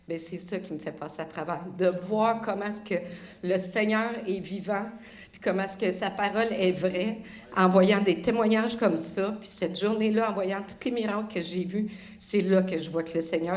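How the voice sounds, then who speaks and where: A woman's voice: mid-range voice, fairly even intonation, normal speed. A woman with a Québécois French accent giving an earnest, emotional testimony at church. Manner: emotional, laughing at times, earnest.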